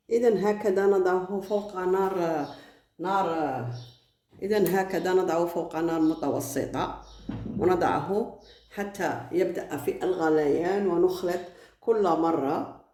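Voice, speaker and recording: A woman hosting a home cooking tutorial, slowly repeating each step of the recipe. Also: lowish voice, mellow. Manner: slow, repetitive step-by-step instructions. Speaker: cooking channel host. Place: home kitchen. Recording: echoey kitchen, background noise. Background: pots and utensils clattering.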